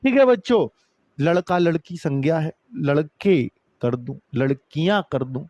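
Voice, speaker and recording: A male teacher explains grammar to students he calls kids. His voice sits high and leaps up and down in pitch, with emphatic rises and low, drawn-out drops. The close mic gives a dry sound with no room echo. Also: lively intonation, darkish tone, highs cut off. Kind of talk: online exam-prep grammar lesson.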